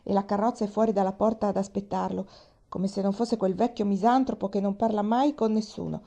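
A woman voicing Nancy, an excited young housemaid full of gossip, in a storybook reading. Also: mid-range voice, fairly quick, vocal fry. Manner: excited, breathless, insistent.

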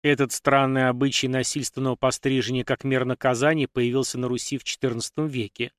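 A man reading a scripted history narration in an even, steady way with dramatic emphasis. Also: mid-range voice, quick pace, no room sound, clean studio sound.

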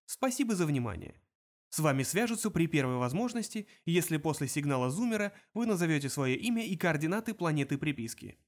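A man's voice: on the high side, sing-song, brisk. A man voicing a charming, menacing recorded announcer. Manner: very courteous, charming, with quiet menace. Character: suave menacing male planetary recorded announcer.

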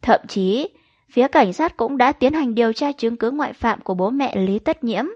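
A woman reading a crime novel aloud as an audiobook narrator, in an even, measured storytelling manner. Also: on the high side, no room sound, dull audio. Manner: even, measured storytelling with quoted dialogue read in.

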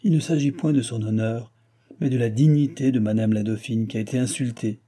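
A man voicing a gentle, persistent young prince. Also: mid-range voice, steady tone, a little fast, slightly rough, lightly acted. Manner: mild, soft-spoken and polite. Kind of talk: audiobook character reading.

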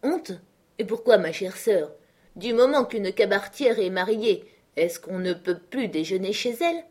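A woman's voice: mid-range voice, animated, a little slow, darkish tone, voice pushed up. A woman reader voicing a carefree, swaggering young man who answers his sister with mock politeness. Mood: mock-polite, airy. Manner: airy, mock-polite, sing-song.

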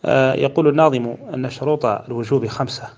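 Brisk scholar explaining a text. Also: male voice, mid-range voice, fairly even intonation, a little mellow, dull audio. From Mauritania. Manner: slow measured chanting of verse, then brisk explanation. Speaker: Islamic scholar teaching a text. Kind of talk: religious lesson explaining a didactic poem.

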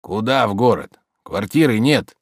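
A man's voice: on the low side, animated, unhurried, breathy edge, no echo. A man reading an audiobook, voicing a stubborn, sly old male servant who grumbles with dry irony. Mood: grumbling. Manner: grumbling, ironic.

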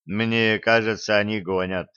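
A man's voice: fairly low pitch, flat delivery, a little slow, sharp tone, clean tone, no echo, dull audio. A man voicing a sardonic, skeptical accomplice. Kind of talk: audiobook character voice.

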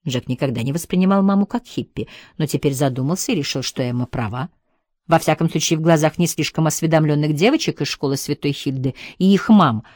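A woman calmly narrating an audiobook in an even storytelling manner. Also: low voice, dry recording, clean studio sound. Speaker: audiobook reader. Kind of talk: scripted narration.

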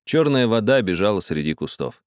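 A man reading a story aloud as narrator, with an expressive delivery. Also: fairly low pitch, a little fast, no room sound, clean studio sound.

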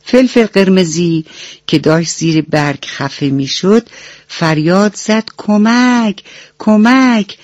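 A deep, expressive, darkish female voice narrates a bedtime story for children from a radio studio, speaking tenderly to her dear ones. The recording is dry and dull.

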